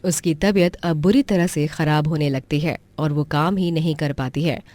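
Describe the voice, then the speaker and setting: A woman's voice: low-pitched, steady tone, moderate pace, darkish tone, dry recording. Woman narrating a cartoon story.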